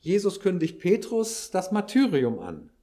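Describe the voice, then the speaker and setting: A man's voice: sits high, huge pitch swings, measured pace, warm tone. A man preaching a sermon, explaining a Bible passage with occasional dry asides. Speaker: pastor.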